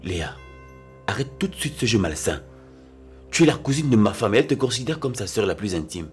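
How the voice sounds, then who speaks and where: A man's voice: on the low side, sing-song, fairly quick, faint music behind. A man with a Cameroonian French accent playing a stern husband who scolds and commands in a family quarrel. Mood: rebuffing. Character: stern middle-aged husband, head of the house. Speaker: husband defending his wife.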